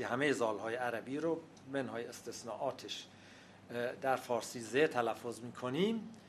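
A man giving an academic lecture, speaking in a measured, explanatory way and pausing often with hesitations. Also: mid-range voice, a little hiss or hum. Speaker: lecturer on language history.

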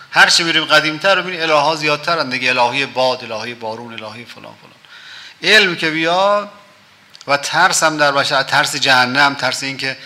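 A man's voice: mid-range voice, sharp tone. A man giving a conversational lecture, telling stories, quoting poetry and asking rhetorical questions. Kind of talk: storytelling lecture with quoted poetry.

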